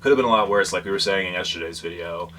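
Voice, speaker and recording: A man chatting casually in a vlog about life in a converted bus, explaining things in a relaxed, rambling way with fillers. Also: deep voice, racing. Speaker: vlogger. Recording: distant mic with faint background noise.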